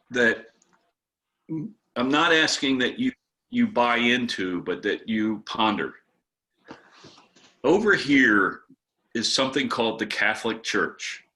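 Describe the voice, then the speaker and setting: A man's voice: medium pitch, bright, forceful tone. A man, a pastor, presenting a workshop on a video call, telling candid stories with a slightly snarky humor. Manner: candid storyteller, a bit snarky. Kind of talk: conversational workshop talk with stories.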